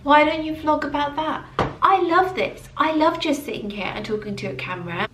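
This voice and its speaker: This woman's voice sits high, moving at a normal pace, and the camera mic picks her up from a distance with reverb and background noise. She's an English vlogger in her early thirties, giving an animated, emphatic motivational talk to camera and repeating herself for effect.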